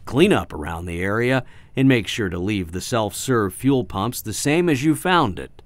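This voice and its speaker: A man reading a scripted flight-training voice-over in a clear, instructive, measured way. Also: fairly low pitch, lively intonation, no room sound.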